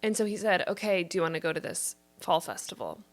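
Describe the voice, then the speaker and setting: A young woman co-hosting a podcast, telling a dating story in a relaxed, casual way with lots of "like". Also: on the low side, fast talker. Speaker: podcast co-host. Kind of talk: casual chat.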